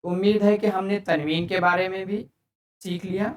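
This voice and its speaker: In an echoey room and at a distance from the mic, a man whose voice sits high teaches an online Arabic grammar lesson. His tone is steady and his pace moderate as he patiently explains, repeating each term in several languages.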